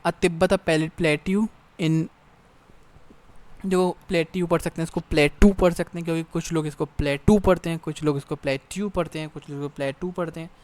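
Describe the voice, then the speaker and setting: A young man giving an exam-prep lecture, his voice smooth and clear and pitched a little high. He reads passages out slowly, then breaks them down in easy, conversational explanation. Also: fairly even intonation, darkish tone. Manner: reads English text slowly, then explains casually with frequent "theek hai". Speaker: teacher. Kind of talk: exam-prep lecture in Hindi mixed with English.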